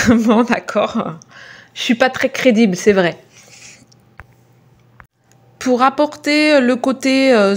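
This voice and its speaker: A woman with a fairly high voice narrates her crafting in a relaxed, unhurried way. She speaks to her viewers directly and warmly, hesitating often and filling gaps with small filler sounds. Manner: friendly, addresses viewers directly. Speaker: craft video creator. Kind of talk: chatty crafting voice-over.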